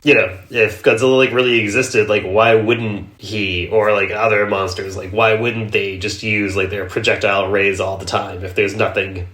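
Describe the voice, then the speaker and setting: Man, podcast host, casual rambling chat, frequent laughter, lowish voice, echoey room. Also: fairly even intonation, moderate pace, hardly any pauses, fairly bright tone. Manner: rambling, leans on "like", laughs often.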